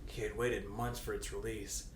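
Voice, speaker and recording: Here a man with a lowish voice keeps a level tone and moderate pace while comically reading fan fiction aloud. His delivery is theatrical, full of jokey asides, laughing fits, and bursts of mock shouting, all captured with roomy echo and noticeable background noise.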